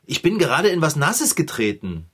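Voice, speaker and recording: A woman's voice: low voice, sing-song, moderate pace, breathy edge, heavily acted. A woman playing a grown-up bicycle mechanic in a radio play, down-to-earth and exasperated with her pet.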